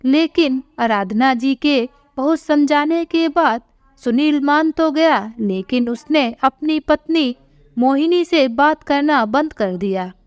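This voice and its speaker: A woman storyteller reads a scripted tale in a slow, measured voice. Her voice sits high. The sound is close and dry, with no room around it. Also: lively intonation, no room sound.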